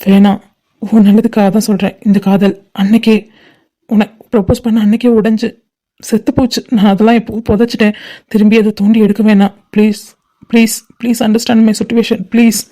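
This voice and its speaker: A woman's voice: mid-range voice, flat delivery, brisk, mellow, natural voice. A woman voicing a heartbroken young man in a fan-made cartoon, pleading and repeating please as he turns away his love. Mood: firm, sad.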